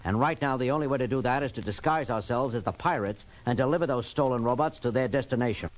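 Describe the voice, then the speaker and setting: An actor playing a confident, commanding starship captain in a 1970s audio drama. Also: male voice, medium pitch, fast, close to an everyday voice, poor audio. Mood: assured. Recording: vintage 1970s record, loud music behind.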